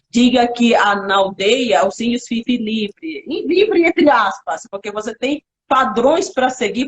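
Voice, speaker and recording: Her voice runs on the high side as she talks in Portuguese during a relaxed live video call. She's a young native Kalapalo speaker from the Xingu, and her speech is reflective and hesitant, with frequent restarts.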